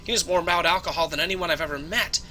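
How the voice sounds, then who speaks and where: A man's voice: on the high side, fast, sharp tone, faint music behind, pitched above the performer's own voice, rough recording. A man voicing an indignant young woman waitress who scolds and gushes over her favourite captain. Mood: doting. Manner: huffy, scolding, gushing.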